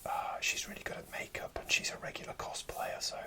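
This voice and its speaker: Whispering a wandering, uncertain tale at very close range, this male ASMR creator keeps stopping and starting over. He talks fairly quickly.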